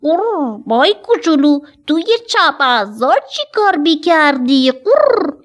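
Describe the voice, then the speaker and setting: A woman voicing a friendly, helpful frog who croaks between her phrases. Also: sits high, big pitch swings. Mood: puzzled.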